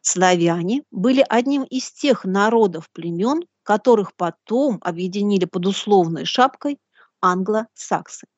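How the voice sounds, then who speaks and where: A woman giving a deliberate, didactic lecture in bookish phrasing, reading out quotations as she goes. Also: mid-range voice, lively intonation, no echo, lo-fi sound. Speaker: lecturer hosting a live broadcast.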